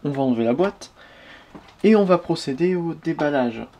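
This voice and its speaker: A man's voice: fairly high pitch, lively intonation, moderate pace, warm tone, slight background noise. Chatty man doing a casual toy review. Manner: chatty, with hesitations and self-corrections.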